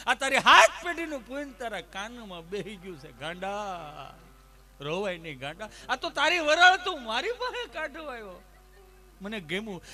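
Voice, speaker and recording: Kindly consoling doctor, bright and high, as a man puts him on, storytelling comedy. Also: full character voice. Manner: consoling, teasing. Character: sympathetic doctor, himself a suffering husband.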